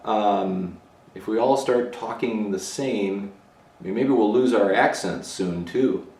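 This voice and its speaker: A low-voiced Minnesota man who builds motorcycles and hosts a channel muses slowly in his roomy home garage workshop for a casual vlog. Relaxed, he thinks aloud with fillers, picked up by a camera mic that moves around and is sometimes far from him.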